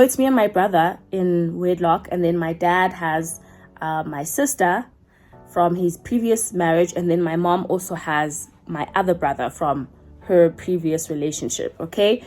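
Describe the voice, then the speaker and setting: This YouTuber's voice is lowish with a darkish tone. She's a South African woman in her twenties doing a casual get-to-know-me chat to camera, chatty and rambling, often correcting herself mid-thought.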